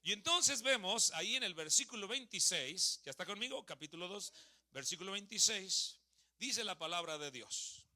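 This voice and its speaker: A man's voice: high-pitched, moderate pace. A Mexican man in his thirties preaching a sermon in a church hall, asking the congregation questions and joking with them. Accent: Mexican Spanish. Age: 30s. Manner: lively, asks the congregation questions and jokes with them.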